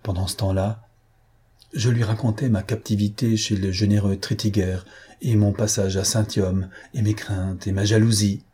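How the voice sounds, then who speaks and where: Husky-voiced man reading a classic novel. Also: lowish voice, normal speed. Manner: even, literary storytelling. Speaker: audiobook narrator.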